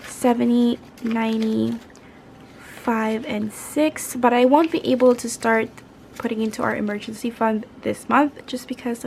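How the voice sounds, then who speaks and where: A woman's voice: a little high, darkish tone. A woman talking casually to her viewers in an informal, rambling, chatty way, as a vlogger. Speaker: YouTube budgeting vlogger. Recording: clear background noise.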